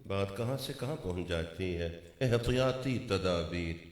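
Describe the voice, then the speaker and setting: A man with a fairly low voice gives a didactic sermon, stretching out letter names in a chanting way. The sound is echoey, as in a large mosque hall. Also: animated. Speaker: mufti giving a religious talk. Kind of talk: sermon on correct Quran pronunciation.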